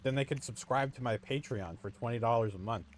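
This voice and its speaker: A man's voice: medium pitch, a little fast, slight background noise. A man streaming a video game live, joking with chat in a casual, self-mocking way while he plays. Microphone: home streaming mic.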